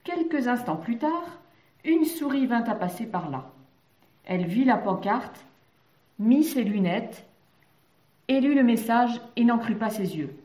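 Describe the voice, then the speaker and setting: A woman narrating a children's story gently. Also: on the high side, expressive, unhurried, pauses often. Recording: roomy echoey recording.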